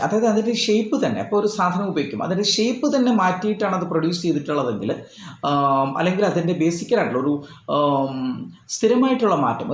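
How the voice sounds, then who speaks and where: Male English tutor, Malayalam accent, animated and repetitive delivery, echoey room. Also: on the high side. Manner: repeats and rephrases points, fillers, explains patiently. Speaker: English teacher for exam prep. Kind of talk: explanatory lesson.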